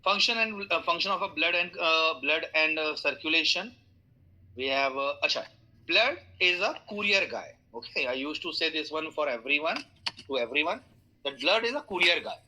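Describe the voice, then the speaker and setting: A middle-aged man with an Indian English accent teaching an online class, explaining with everyday analogies, pausing on fillers and inviting questions. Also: fairly high pitch, animated, bright, forceful tone, poor audio. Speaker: instructor.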